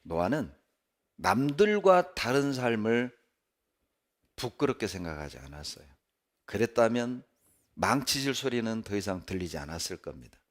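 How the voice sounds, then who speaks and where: A male pastor delivering a sermon in a church, emphatic, with sharp rises and falls. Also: lowish voice, normal speed, pauses often. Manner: animated, emphatic preaching with sharp rises and drops.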